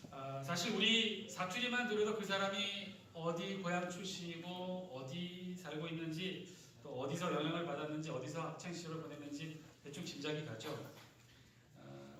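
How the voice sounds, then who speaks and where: A man's voice: a little high, fairly bright tone, a little hiss or hum. A male pastor delivering a Sunday sermon in a conversational way, quizzing the congregation and playfully imitating regional dialect words. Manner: conversational, asks the congregation questions and repeats their answers. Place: church sanctuary. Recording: very echoey hall, mic at a distance.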